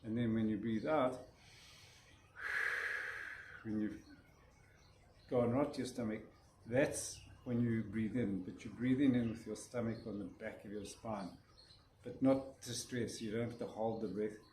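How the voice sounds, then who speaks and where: A man's voice: on the low side, fairly even intonation, unhurried, pauses often, warm tone. A man casually demonstrating a breathing exercise, often restarting his sentences and yawning. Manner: rambling, restarts sentences, yawns. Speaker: breathwork teacher. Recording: roomy echo with faint noise.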